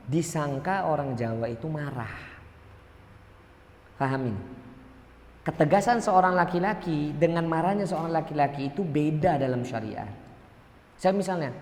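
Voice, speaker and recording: A man whose voice is fairly high, with vocal fry and a darkish tone, delivers a sermon as an ustadz to a mosque study circle. Speaking with a Medan accent from North Sumatra, he jokes and questions the congregation casually, his words echoing with long reverb through a large mosque hall.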